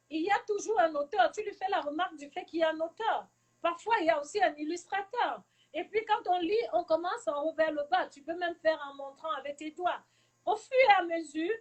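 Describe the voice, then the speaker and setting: A woman from Cameroon, a teacher, giving earnest advice to parents in a live talk and repeating her key points for emphasis. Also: very high-pitched.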